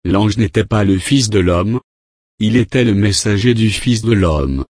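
Slow, low-voiced male preacher. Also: a little mellow, dry recording, clean studio sound. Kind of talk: sermon.

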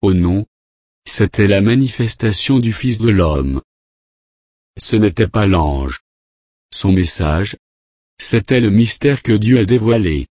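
A man preaching a sermon in a slow, measured way with long pauses. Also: fairly low pitch, lively intonation, a little mellow, dry recording, studio quality.

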